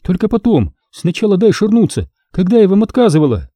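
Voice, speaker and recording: A man voicing a desperate young woman addict who pleads and curses in a shrill, begging voice. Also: very animated, brisk, mellow, no echo, studio quality. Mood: pleading.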